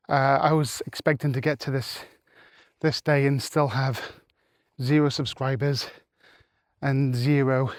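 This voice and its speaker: An adult married man vlogs casually to the camera while walking through open fields, a little out of breath and rambling with lots of fillers and restarts. His voice is mid-range, and the recording is dry with clean studio sound.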